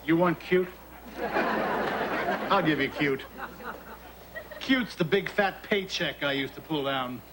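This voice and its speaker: An actor playing a grumbling, sardonic cook who used to be a TV writer in a sitcom. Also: male voice, on the high side, slow, pauses often, over a noisy crowd, very noisy. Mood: bitter. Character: grumpy washed-up male cook. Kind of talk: 1990s sitcom acting. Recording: TV sitcom with loud audience.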